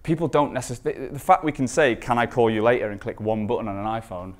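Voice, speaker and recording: A man with a mid-range voice speaks fast in a steady tone as a conference speaker and recruitment marketing expert. His delivery is informal and emphatic, with frequent rhetorical questions.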